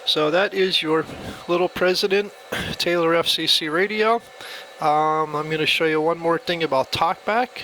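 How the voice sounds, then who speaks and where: Demonstrating a device, a man gives a relaxed, plain step-by-step tutorial as a product demonstrator. He talks at a moderate pace in a fairly high, bright, forceful voice, on a rough recording with faint background noise.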